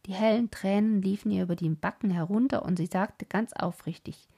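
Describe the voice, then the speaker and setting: A woman's voice: mid-range voice, fairly quick, gravelly, husky. A woman reading aloud, voicing a grown man eagerly recalling childhood stories in an old storybook. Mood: reminiscing. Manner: excited, reminiscing.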